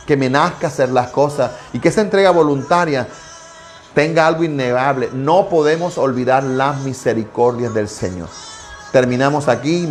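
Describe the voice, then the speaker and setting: A man, a pastor preaching a devotional sermon and telling a personal testimony with emphatic repetition. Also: medium pitch. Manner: emphatic storytelling with heavy repetition.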